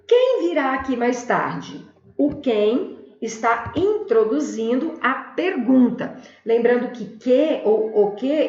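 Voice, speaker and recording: Brazilian woman teacher going slow thru a grammar lesson, kinda high voice, dull echoey recording. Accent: Brazilian Portuguese. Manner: slow, careful explaining with spoken examples. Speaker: Portuguese teacher. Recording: echoey room, dull lo-fi sound.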